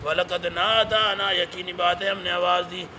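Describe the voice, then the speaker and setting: A man's voice: sits high, level tone. A man teaching the Quran, reciting Arabic verses and explaining each phrase in with a teacher's questions to his listeners. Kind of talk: Quran translation lesson. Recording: noisy recording with traffic behind.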